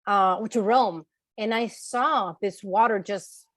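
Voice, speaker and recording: A Chilean woman working as a tour guide gives an informal online lecture with a question session, explaining things and checking in with listeners through tags like "right" and "okay." Her voice is medium-pitched and slow. The studio sound is clean, with no echo.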